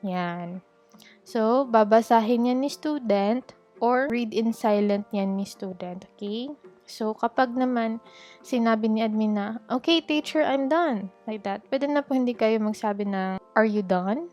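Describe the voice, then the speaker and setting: A woman with a Filipino accent explains a lesson plan step by step, her voice sitting somewhat high. She is polite and patient, slipping back and forth between Tagalog and English as she guides new tutors through what to say. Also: normal speed, a little mellow, faint music behind. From Philippines. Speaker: online English tutor giving advice.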